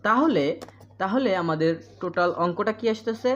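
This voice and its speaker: A woman teaching a primary school math lesson, repeating each question and answer and counting out place values slowly. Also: mid-range voice, animated, a little hiss or hum. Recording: dull lo-fi sound.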